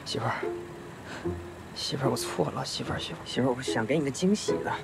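A man's voice: fairly high pitch, sing-song, a little fast. An actor playing a young husband who coaxes and pleads with his wife. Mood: pleading. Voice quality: pleading and repetitive when apologizing. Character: eager, sheepish young husband. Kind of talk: short drama acting. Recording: music bed under the dialogue.

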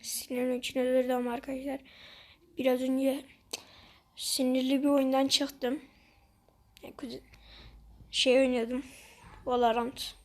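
A woman commenting on her own gameplay to her viewers, getting frustrated and excitable as she plays. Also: high voice, measured pace, pauses often. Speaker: gaming channel host.

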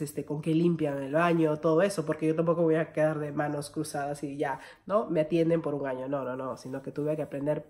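Chatty Peruvian woman telling a story. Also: low-pitched. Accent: Peruvian Spanish. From Peru. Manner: chatty, often addresses viewers as friends. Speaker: vlogger. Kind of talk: storytime vlog.

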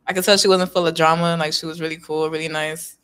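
On a podcast, a young adult woman appears as a blind date guest and chats casually, speaking quickly in a low, flat, monotone voice with little energy. She is recorded indoors in a small podcast studio on a studio microphone held close.

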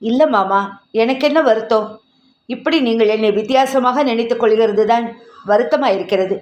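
A woman reading the lines of a respectful son-in-law in a soft, reassuring way. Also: fairly high pitch, moderate pace, reverberant, dull audio, natural voice. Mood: soothing.

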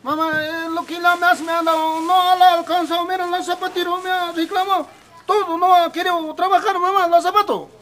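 A woman's voice: extremely high pitch, flat delivery, brisk, fairly bright tone, a little hiss or hum. A woman playing a cheeky young nephew who whines and nags his uncle. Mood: complaining. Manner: whining, nagging, half-laughing.

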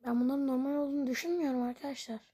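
A woman's voice: high-pitched, fairly even intonation, very fast, dark tone, breathy edge. A woman commenting on her own game as she plays, puzzled and rambling, and she keeps talking to her viewers. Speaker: gaming channel host. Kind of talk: Minecraft let's play commentary.

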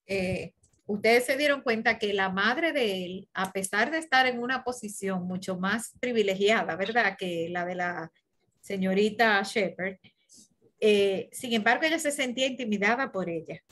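A woman's voice: medium pitch, normal speed, a bit bright. Woman talking over a film in a discussion group. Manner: conversational, asking the group questions. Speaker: film forum participant.

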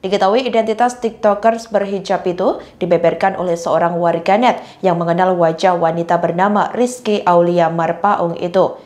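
A woman narrating a news report in an even, formal scripted delivery. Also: lowish voice, moderate pace.

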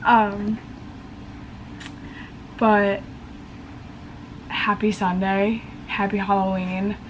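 A young adult woman with a hoarse voice that is giving out, chatting casually as a college student vlogger. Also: medium pitch, flat delivery, extremely slow, a little hiss or hum, rough recording. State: losing her voice after screaming. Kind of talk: casual vlog chat. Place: small bedroom, indoors. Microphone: camera at about arm's length.

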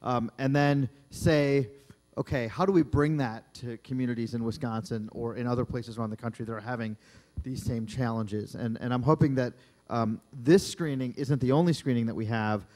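A man's voice: mid-range voice, fairly even intonation, moderate pace, darkish tone. A man speaking as a documentary filmmaker in a panel discussion on a library auditorium stage, earnest, with frequent restarts and fillers.

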